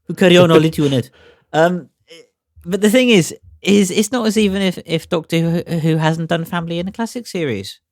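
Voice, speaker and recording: A man co-hosting a podcast, rambling with halting restarts and an exasperated tone. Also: sits high, a little mellow, no echo, clean studio sound. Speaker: podcast co-host. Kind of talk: casual chat.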